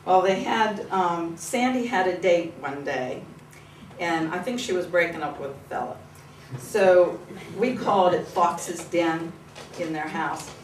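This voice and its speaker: An older woman with a fairly low voice speaks at a measured pace, giving an informal eulogy at a memorial service and telling fond personal stories conversationally. The recording is echoey, with a distant mic picking up room noise.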